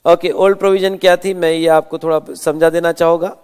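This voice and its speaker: High-voiced man teaching with echo. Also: flat delivery, fairly quick, a little mellow, smooth. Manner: addresses students as beta, repeats points with frequent okay. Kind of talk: exam revision lecture.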